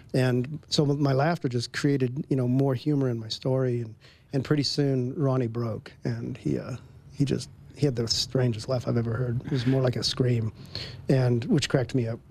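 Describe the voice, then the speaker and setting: A man telling a personal story in an interview, relaxed, with frequent ums and little chuckles between phrases. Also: medium pitch, vocal fry. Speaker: guest.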